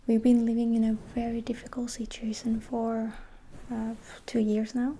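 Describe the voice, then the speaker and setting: A woman giving a whispered ASMR pep talk, hushed and breathy, gently reassuring with soft pauses. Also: on the high side, completely flat delivery, a little hiss or hum. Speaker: ASMR host.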